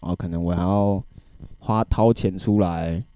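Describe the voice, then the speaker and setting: A man's voice: deep voice, a little slow, clear, resonant tone. A man, venting in casual podcast chat, swearing often and checking that his listener follows. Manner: animated venting, swears often, keeps asking if you get it. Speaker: podcast co-host.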